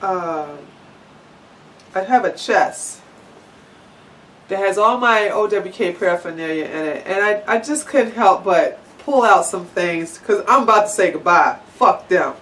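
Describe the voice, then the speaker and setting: A woman's voice: medium pitch, a little slow, distant mic, slight background noise. Woman ranting bluntly, a bit off-mic. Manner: blunt, swearing, animated, sarcastic. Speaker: vlogger. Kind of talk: angry profane rant to camera.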